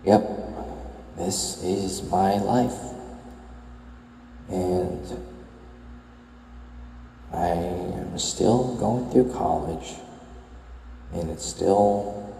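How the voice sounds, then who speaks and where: A young man giving a soft-spoken, reflective voice-over as he tours a game world, musing hesitantly and correcting himself as he goes. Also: very slow, creaky, pauses often, reverberant, long reverb tail, a little hiss or hum, low-quality recording. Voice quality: soft, low-key murmur. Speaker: video game tour vlogger.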